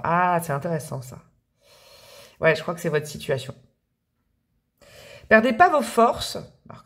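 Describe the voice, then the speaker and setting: Woman, tarot reader, casual, hesitant, rambling. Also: low-pitched. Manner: chatty, hesitant, repeats words, laughs and hums song lines. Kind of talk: casual tarot reading to camera.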